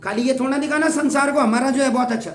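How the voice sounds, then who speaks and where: A male maths teacher, lecturing a class in mixed Hindi and English and drawing out key words slowly. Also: very high voice, distant mic. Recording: echoey room, voice off-mic, faint noise.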